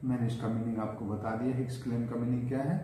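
A man teaching English grammar in Hindi at a board. He explains slowly, repeats each word and keeps asking "right?" and "clear?". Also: mid-range voice, flat delivery, warm tone. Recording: echoey room, faint background hiss.

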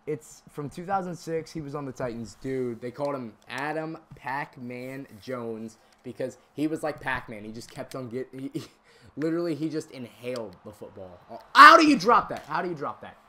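A man streaming a football video game, calling plays and chatting with viewers, bursting into shouted calls on big moments. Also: medium pitch, moderate pace. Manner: chats with viewers between plays. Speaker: gaming streamer. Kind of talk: play-by-play game commentary.

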